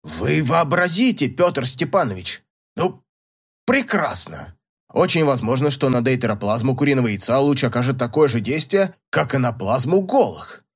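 A man's voice: medium pitch, very animated, normal speed, husky. A haughty old professor who snaps and scoffs, irritable and scornful toward anyone who bothers him, as a male narrator does his voice. His speech rises and drops sharply from line to line, as in a storybook read aloud.

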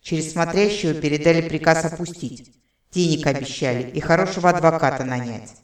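A man's voice: fairly high pitch, drawn-out words, warm tone. A man voicing a composed young female elf telepath who reports a suspect's thoughts matter-of-factly. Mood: cool. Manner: cool, matter-of-fact. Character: composed female elf mind-reader, cool and matter-of-fact.

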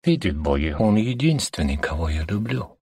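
A man's voice: low-pitched, big pitch swings, normal speed, a little mellow, breathy edge, no echo, heavily acted. A man reading an audiobook and voicing a tired older queen mother who speaks in a confiding way. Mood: weary confiding. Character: weary older queen mother, calm and bitter.

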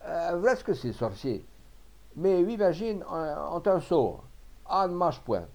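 A man voicing a gruff, bullying older peasant farmer and mayor who talks in rustic country speech and barks orders. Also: a little high, very animated, a little slow, a little mellow, pitched above the performer's own voice, full character voice. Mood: insistent.

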